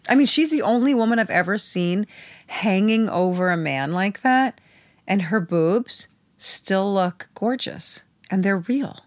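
A woman's voice: medium pitch, lively intonation, unhurried, dry recording. A middle-aged woman co-hosting a casual rewatch chat, candid and blunt, laughing easily. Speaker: podcast co-host, former cast member.

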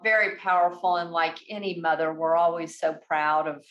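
A woman hosting a corporate podcast, speaking in a polished, effusive and measured way. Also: on the low side, fairly even intonation, highs cut off. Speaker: podcast host. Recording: roomy echo.

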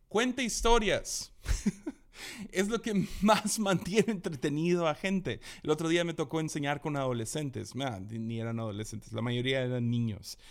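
A young adult man, telling stories in a casual talk, acting out quotes and laughing often. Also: a little high. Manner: animated storyteller who acts out quotes and laughs often.

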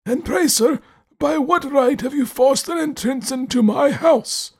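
A man's voice: very high voice, unhurried, voice pushed up. A man putting on a haughty, stern old recluse. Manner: haughty, clipped demands.

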